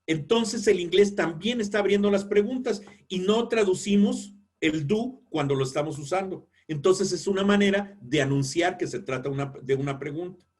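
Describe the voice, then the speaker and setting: Husky man teaching a webinar. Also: high voice, normal speed, hardly any pauses. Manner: explanatory, acts out example sentences. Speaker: lecturer on editorial writing. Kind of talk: webinar lecture.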